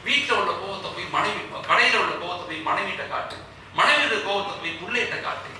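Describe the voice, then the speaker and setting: A man's voice: sits high, expressive, fast, gravelly, bright, forceful tone, slight background noise. A man giving a motivational speech to business people, often repeating key phrases and quoting scripture. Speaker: invited speaker, Islamic scholar. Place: event hall. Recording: echoey hall, speaker far from mic.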